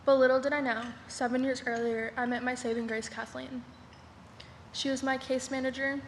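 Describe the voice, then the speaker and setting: A young woman reads her prepared speech earnestly, her higher voice kept flat and even. The podium mic carries her through a reverberant banquet hall with faint noise underneath. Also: normal speed. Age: young adult. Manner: steady, earnest recitation. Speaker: honoree giving a speech.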